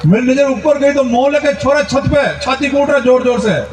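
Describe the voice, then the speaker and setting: A man performing stand-up comic storytelling, animated and playing his relatives in squeals. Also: very high voice, normal speed, background noise. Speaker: comedian poet. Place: large event stage. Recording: roomy far-off lo-fi stage recording.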